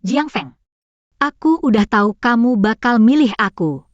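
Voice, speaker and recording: A woman's voice: a little high, lively intonation, unhurried, no room sound, muffled recording. A woman voicing a spoiled young woman in a dubbed drama, demanding and petulant.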